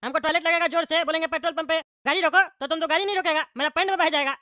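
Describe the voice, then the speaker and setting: A woman voicing a loud, bossy, bald male small-town politician, scolding and firing off questions in a comic cartoon. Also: extremely high pitch, rapid-fire, noisy background.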